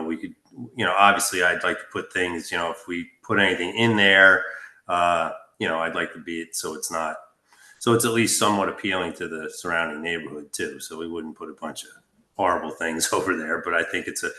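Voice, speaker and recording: A man's voice: deep voice, sharp tone. A man joining a town meeting by video call from an emptied office, his voice echoing as if in an echo chamber, talking in a plainspoken, meandering way. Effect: echoey sound, as if in an echo chamber. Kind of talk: casual meeting discussion. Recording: echoey empty room over a call.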